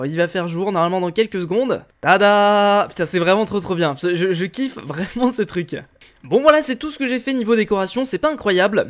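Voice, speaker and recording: Chatty high-voiced young man gaming. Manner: chatty, upbeat, laughs often. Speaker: Minecraft let's-play host. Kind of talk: casual gameplay commentary.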